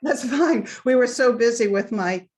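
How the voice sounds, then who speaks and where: A woman reading her own poems aloud over a video call, with spoken asides between them, slow and measured. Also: fairly high pitch, darkish tone, a little hiss or hum. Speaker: featured poet.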